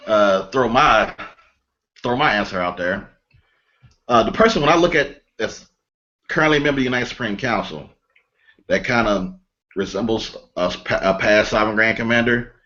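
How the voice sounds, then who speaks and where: A man co-hosting a panel discussion who answers haltingly, thinking aloud as he goes. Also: mid-range voice, pushed and bright. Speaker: podcast co-host. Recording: dull, lo-fi audio.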